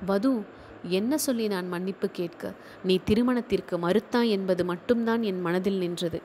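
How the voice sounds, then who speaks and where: Brief: a woman voicing a guilt-ridden young man in an audiobook, soft and begging. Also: medium pitch, normal speed, a little hiss or hum, close to an everyday voice. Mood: pleading. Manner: pleading, pained. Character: remorseful young man pleading for forgiveness.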